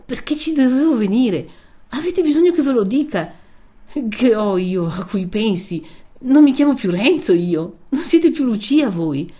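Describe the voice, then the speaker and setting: Woman doing a young peasant man, impassioned, urgent, exclaiming, pitch leaping high, storybook reading. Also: expressive, normal speed, dark tone, lightly acted.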